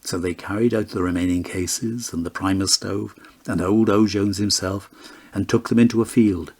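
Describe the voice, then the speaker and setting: A man reading a story aloud in a low voice. He narrates lyrically and with a steady storytelling rhythm. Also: breathy edge. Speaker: audiobook narrator. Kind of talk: audiobook narration.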